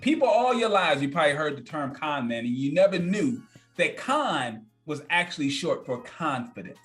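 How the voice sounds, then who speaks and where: Lively, high-voiced man in his thirties. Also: normal speed, faint music behind. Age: 30s. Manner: emphatic, blunt, repeats points for effect. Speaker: podcast guest. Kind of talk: casual animated storytelling.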